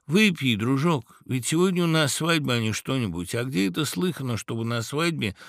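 A boisterous storybook woodpecker shouts and pleads in a high, bright, swooping voice, as a male narrator puts him on. He is lively and eager, every line a happy exclamation. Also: fairly quick, no room sound, studio quality. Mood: coaxing. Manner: loud, hearty, exclaiming. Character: eager bold woodpecker wedding guest, male.

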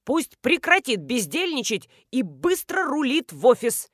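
A woman's voice: on the high side, slow, fairly bright tone, no room sound, studio quality. A woman reading the lines of a stern male police colonel who gives curt orders, for an audiobook.

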